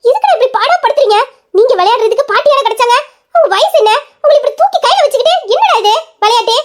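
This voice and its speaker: A woman's voice: extremely high pitch, expressive, rapid-fire, slight background noise. A woman voicing a bossy elder sister who scolds a group of mischievous boys in a comic story. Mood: exasperated. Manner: scolding, exasperated questions.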